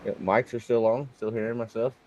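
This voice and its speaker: Southern guy co-commentating a sim race on a headset, laid back and folksy, normal pitch, faint hiss. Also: flat delivery, a little fast, muffled recording. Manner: folksy and easygoing, calls his partner brother and buddy. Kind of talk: live sim-racing broadcast commentary.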